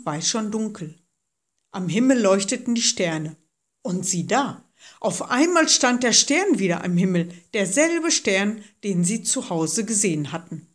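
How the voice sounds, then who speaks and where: Woman reading a children's story. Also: medium pitch. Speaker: narrator.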